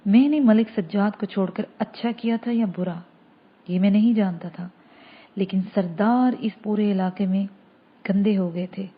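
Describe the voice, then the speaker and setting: A woman reading a novel aloud in steady first-person scripted narration. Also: medium pitch, slightly rough, narrow, tinny audio. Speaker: audiobook narrator.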